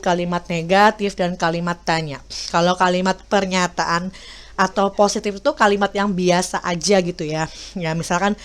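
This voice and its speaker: A woman's voice: mid-range voice, a bit bright. Indonesian woman teaching an English lesson. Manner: patient, explaining and repeating slowly with many fillers. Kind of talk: classroom video lesson.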